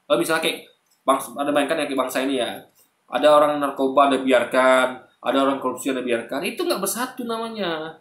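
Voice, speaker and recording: A man's voice: mid-range voice, fast talker, echoey room. A man giving casual, argumentative commentary straight to his viewers, calling them "guys", with many fillers and restarts. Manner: animated, argumentative, often addresses listeners as "guys"; frequent fillers and self-corrections. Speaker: online commentator.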